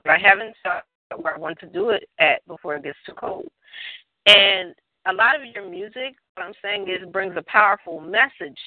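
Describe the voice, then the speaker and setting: A woman's voice: mid-range voice, no echo. A woman guest in a casual chat, talking in an effusive, rambling way. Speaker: show guest. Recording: dry, tinny phone line.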